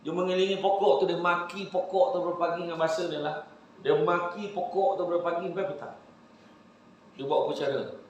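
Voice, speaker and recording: Joking Malaysian Malay preacher in echoey hall. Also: male voice, high-pitched, fairly quick, highs cut off, slight background noise. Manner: animated joking storytelling, laughs often. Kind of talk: humorous religious talk to a live audience.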